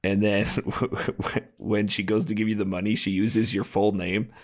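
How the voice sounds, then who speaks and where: A man's voice: fairly low pitch, little pitch movement, a little slow. A man co-hosting a casual podcast, reading odd news stories aloud in a jokey way and laughing between sentences. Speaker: podcast co-host.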